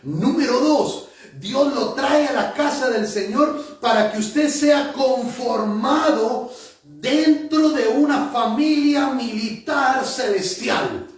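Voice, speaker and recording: A man's voice: very high voice, slow. A male pastor preaching a sermon to his congregation, emphatic, repeating phrases for effect. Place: church hall. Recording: very echoey church hall, mic at a distance.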